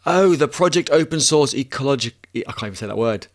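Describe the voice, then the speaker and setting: A man's voice: on the high side, expressive, fairly quick. A man in his thirties hosting a casual live stream, answering chat questions and thinking aloud with many restarts and self-mocking laughs.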